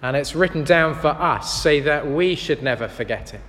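A man's voice: fairly high pitch, lively intonation, normal speed, a bit bright. A man preaching a sermon, earnest and reflective as he tells stories. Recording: long reverb of a large hall.

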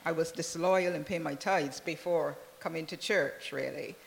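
A woman from Barbados, a church member, giving a soft, unhurried testimony in an interview. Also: low voice, gravelly, in a large hall, slight background noise. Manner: soft-spoken, unhurried, many "really"s.

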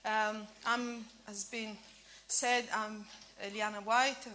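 At a church breakfast, an Italian-born woman in her fifties gives a loose, informal sermon, often using fillers and starting sentences over. Her native Italian accent has a hint of Scottish. She speaks slowly in a flat, medium-pitched voice that sounds pushed and bright, with a little hiss or hum on the recording.

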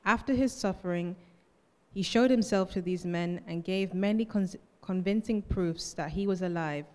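A woman reading aloud from the Bible to a church, a little halting as she corrects herself. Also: on the low side, darkish tone. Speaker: scripture reader in church. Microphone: handheld microphone held close. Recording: echoey hall with long reverb.

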